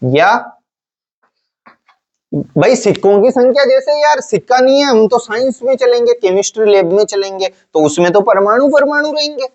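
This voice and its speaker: A man with a high, light voice teaches a class, asking a question and then answering it himself in a lower voice. His talk is casual and repetitive. The recording sounds dull and lo-fi. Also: lively intonation, normal speed. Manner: asks questions and answers them himself in a low voice. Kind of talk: classroom lecture.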